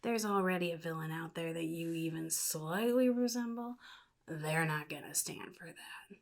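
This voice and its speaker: A woman voicing a gleeful, chaotic comic-book supervillain in a soft, breathy ASMR roleplay, with a sly, theatrical drawl. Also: deep voice, normal speed. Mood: advising, wry. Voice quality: breathy, whispery, husky.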